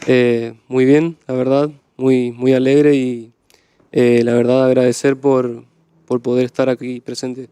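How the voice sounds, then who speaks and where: Young Argentine male student guest, smooth, mellow. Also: medium pitch, little pitch movement, measured pace, no echo, clean studio sound. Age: young adult. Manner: hesitant, soft-spoken.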